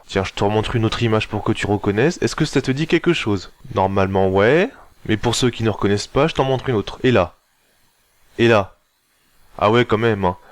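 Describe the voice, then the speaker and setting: A man's voice: lowish voice, no room sound. Chatty, blunt French man reviewing manga. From France. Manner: chatty, blunt, swears casually, self-mocking asides. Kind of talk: casual video review.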